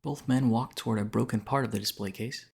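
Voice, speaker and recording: A man's voice: mid-range voice, steady tone, brisk, creaky, darkish tone, husky. A man narrating a game playthrough, reading on-screen text and dialogue choices aloud. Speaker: let's play narrator. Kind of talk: let's play commentary.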